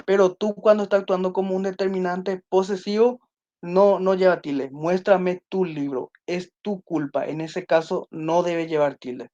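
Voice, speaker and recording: A Spanish teacher giving an online class, explaining accent rules and slowly reading out example sentences, checking in with her students. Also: fairly low pitch, fairly even intonation, dark tone, lo-fi sound. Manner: checks in with students by asking questions.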